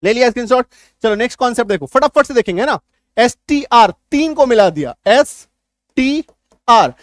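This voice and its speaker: A male English teacher giving a video lesson in Hindi, drilling letter sounds loudly and asking rhetorical questions to check understanding. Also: very high-pitched, animated, racing, dry recording. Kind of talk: classroom-style video lesson.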